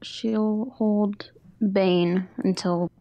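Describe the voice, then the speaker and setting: A woman's voice: mid-range voice, steady tone, drawn-out words, warm tone, dry recording, rough recording. A woman playing a tabletop game, talking casually and hesitantly as she thinks aloud.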